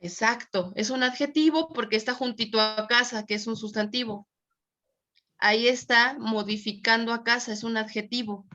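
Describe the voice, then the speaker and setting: On dull lo-fi audio, a woman from Mexico runs an online Spanish grammar lesson with patience, often making sure students follow. She speaks at a moderate pace with fairly even intonation, her voice on the high side, bright and forceful.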